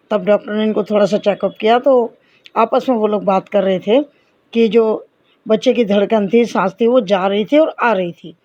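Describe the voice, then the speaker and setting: A woman's voice: medium pitch, warm tone, no room sound. Middle-aged woman, earnest devotional storyteller, talks to listeners as companions, dry and slightly dull recording. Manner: earnest, addresses listeners as companions, reenacts dialogue. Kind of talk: personal testimony storytelling.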